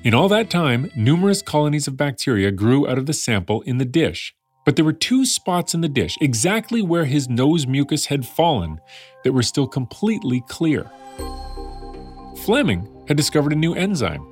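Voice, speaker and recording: A man's voice: fairly high pitch, big pitch swings, moderate pace, a little mellow, faint music behind. A man narrating a scripted story in a conversational way, with wry asides to the listener. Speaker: podcast narrator.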